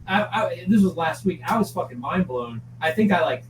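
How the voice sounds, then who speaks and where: A man's voice: high voice, animated, moderate pace, slight background noise, low-quality recording. A man chatting as a podcast guest, rambling and swearing freely, with lots of fillers and restarts. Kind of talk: casual chat.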